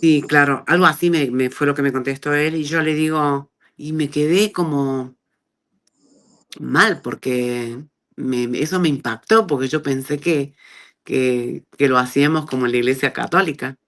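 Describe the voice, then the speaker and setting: A middle-aged woman with an Argentine accent, telling her personal testimony in a conversational way and acting out the dialogue she quotes. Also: moderate pace. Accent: Argentine Spanish. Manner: animated storyteller who acts out quoted dialogue with big pitch jumps. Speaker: guest giving a testimony.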